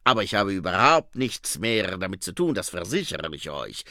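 A man's voice: low voice, big pitch swings, normal speed, bright, forceful tone, no echo, studio quality, pitched below the performer's own voice, full character voice. A man voicing a thin, nervous, polite male vampire photographer in an audiobook. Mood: reassuring.

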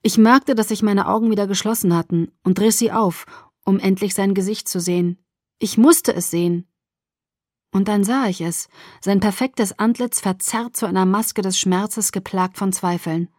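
A woman narrating a first-person novel for an audiobook, following the drama and dropping almost to a whisper in quiet passages. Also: medium pitch, moderate pace, no echo, studio quality.

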